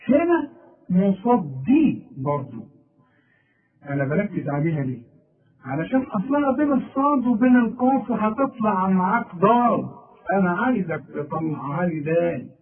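Egyptian guy teaching tajweed over a tinny phone line, high voice, slow careful recitation. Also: distant mic. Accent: Egyptian Arabic. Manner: patiently corrects, models verses in slow recitation. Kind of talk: one-on-one tajweed lesson.

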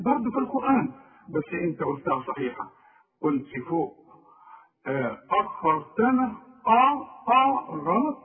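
Egyptian male teacher, high voice, drills examples and quizzes the listener, phone-thin sound. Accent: Egyptian Arabic. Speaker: Quran recitation teacher. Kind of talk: informal spoken lesson. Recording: tinny phone-like recording.

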